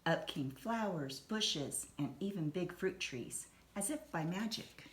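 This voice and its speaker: A woman with a slightly low voice narrates a children's storybook. She reads deliberately and expressively, as if to young listeners. The room is echoey, with a little background noise. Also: expressive. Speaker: teacher reading a storybook aloud. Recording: roomy echo, some background noise.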